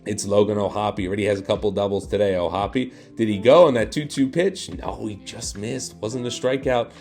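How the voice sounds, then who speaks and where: A man calling the action of a video game like a sportscaster, his fairly low voice leaping up in pitch and volume when a play turns. He sounds slightly worn, like his voice is going. Faint music plays behind him. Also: moderate pace. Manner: excitable, voice jumps up and gets loud at big plays. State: losing his voice. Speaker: gaming YouTuber.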